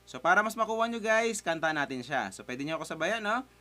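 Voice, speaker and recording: A man's voice: sits high, animated, fast talker. A man giving a casual guitar lesson, chatty and encouraging, calling out chords and counting strums aloud. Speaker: guitar teacher. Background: his own guitar playing.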